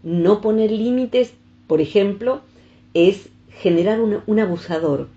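A woman psychologist explains ideas calmly on a radio show, reaching for images and examples as she goes. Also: medium pitch, unhurried, highs cut off. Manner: reflective, uses images and examples. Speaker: psychologist guest. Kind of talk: calm explanatory radio talk.

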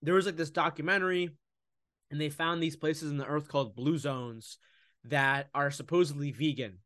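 A young man talking casually about food and nutrition in a podcast conversation, animated, often slipping into mocking voices. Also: on the high side, normal speed, dry recording, clean studio sound. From United States.

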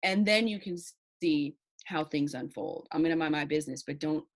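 Low-voiced assertive woman. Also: moderate pace. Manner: assertive, self-assured, emphatic. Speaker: podcast co-host. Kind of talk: casual podcast chat.

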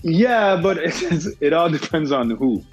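A man's voice: on the high side, sing-song, unhurried, soft background music, rough recording. A man in a casual podcast chat, easygoing and noncommittal, full of fillers.

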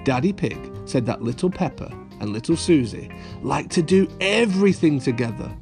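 A man's voice: fairly high pitch, big pitch swings, moderate pace, vocal fry, darkish tone. A man narrating a children's story like a kids show host, cheerily addressing young listeners, with guitar music behind him.

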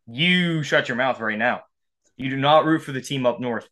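A man's voice: normal speed, pushed and bright. Dude on a sports podcast, gets super fired up, voice jumps up when he's mad. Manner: fired-up, swearing, pitch jumps when riled. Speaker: podcast co-host. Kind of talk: casual sports chat.

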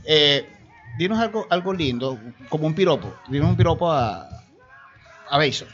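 Venezuelan male radio host, fairly high voice, rambling casual chat, dull lo-fi sound. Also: lively intonation, moderate pace, a bit bright. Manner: rambling, with restarts and laughs.

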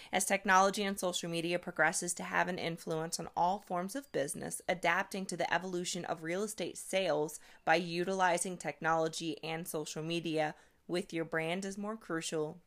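A woman's voice: fairly low pitch, a bit bright. A woman hosting a podcast, talking in an upbeat, persuasive, coaching way. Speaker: podcast host, realtor. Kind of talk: conversational podcast monologue.

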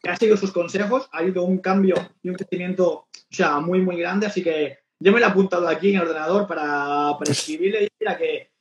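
With a high, steady voice, the Barcelona-based podcast host talks fast with few pauses, rambling casually and often starting over. Slight background noise sits under a dull, echoey lo-fi recording.

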